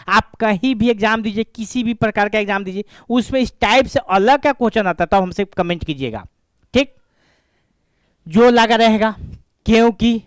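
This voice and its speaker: A man's voice: high voice, clear, resonant tone, no room sound, clean studio sound. A man teaching a grammar lesson, repeating points and asking and answering his own questions.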